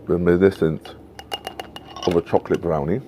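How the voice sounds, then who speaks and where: A man in his fifties chatting casually to camera outdoors, in an unhurried, musing manner with frequent pauses. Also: low-pitched, fairly even intonation. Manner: unhurried, musing, pausing often. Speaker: pipe tobacco reviewer. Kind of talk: casual vlog chat. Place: covered porch outdoors at night. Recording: noisy home-made outdoor recording.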